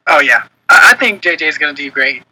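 Hesitant male co-host, casual chat, bright tone, somewhat high. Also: animated, a little fast, poor audio. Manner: hesitant, many fillers. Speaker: podcast co-host.

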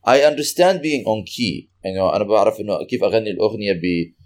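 Male, lowish voice, rapid casual explainer, Levantine Arabic accent, code-switching into English mid-sentence. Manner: animated explainer, hesitant repeated words. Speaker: guest who takes singing lessons.

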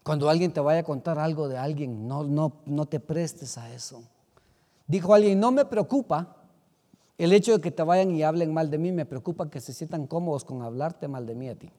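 A man preaching a sermon as pastor, swinging from loud exclamations to quiet asides. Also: fairly high pitch, normal speed, big-room sound.

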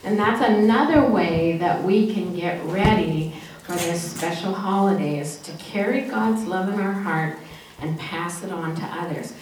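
A woman with a low, darkish voice speaks a little slowly as she leads the children's message in a church service. Simple and encouraging, she poses questions and affirms the answers she gets, recorded from a distance in an echoey church with faint noise.

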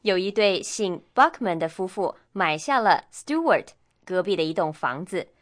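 A woman's voice: on the low side, expressive, normal speed. Woman co-hosting a radio English lesson. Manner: chatty, explanatory. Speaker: language lesson co-host.

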